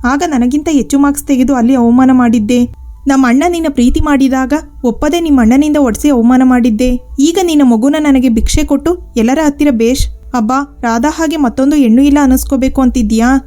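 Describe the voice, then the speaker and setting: A woman's voice: high-pitched, brisk, mellow, close to an everyday voice. A woman storyteller voicing a bitter, taunting young sister-in-law in a spoken storybook. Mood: furious.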